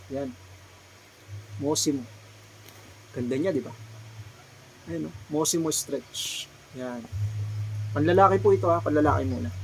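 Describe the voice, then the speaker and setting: A Filipino man presents clothes from his small shop for a casual product vlog, lifting each item and courteously repeating its brand name and size at a slow pace. His voice is on the high side and a little mellow. The audio is poor, with slight background noise.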